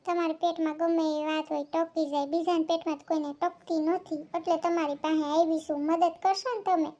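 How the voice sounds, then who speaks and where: A woman voicing a sly, flattering housewife who borrows money in a cartoon, with a Kathiawadi Gujarati accent. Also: extremely high pitch, a little fast, lo-fi sound. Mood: wheedling. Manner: wheedling, flattering.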